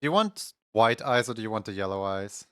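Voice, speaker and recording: A man's voice: lowish voice, expressive, brisk, fairly bright tone, clean tone, no room sound, clean studio sound. A man hosting a livestream, talking casually to his viewers. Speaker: livestream host.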